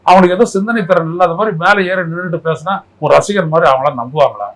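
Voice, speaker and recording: A political commentator speaks in a heated interview, his voice sitting a little high for a man. He is combative and scolding, throwing one rhetorical question after another and mocking the person he is talking about. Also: fast talker, fairly bright tone, rough recording.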